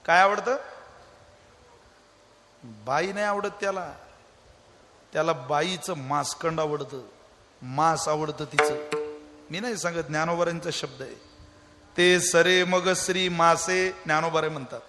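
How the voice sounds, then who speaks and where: High bright dramatic man preaching in hall. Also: moderate pace, long pauses. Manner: dramatic, acts out voices of mother and crying child. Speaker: kirtan preacher. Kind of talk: devotional kirtan sermon with storytelling. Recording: long hall reverb.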